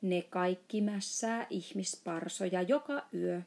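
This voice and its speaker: A woman's voice: lowish voice, vocal fry, a little mellow. A woman voicing a big friendly male giant in a storybook reading, playfully mangling his words.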